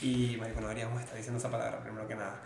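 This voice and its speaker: A man's voice: mid-range voice, completely flat delivery, rapid-fire, creaky, slight background noise. A young man with a Venezuelan accent hosting a casual chat, rambling in slang with lots of fillers. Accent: Venezuelan Spanish. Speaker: podcast host. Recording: roomy echo.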